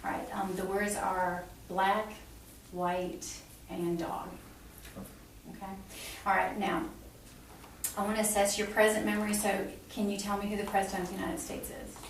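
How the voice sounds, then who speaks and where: In a small exam room with block walls, a middle-aged woman teaching nursing walks a patient through a clinical exam, describing every step. Her mid-range voice moves little in pitch and keeps a normal speed. The distant camera mic, a few feet off, gives a roomy recording with faint noise.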